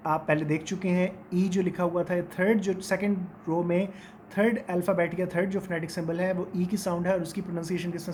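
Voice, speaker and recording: In a recorded lecture on English phonetics, a man with a high-pitched voice and a little hiss or hum slowly draws out and repeats each vowel sound and example word aloud to demonstrate.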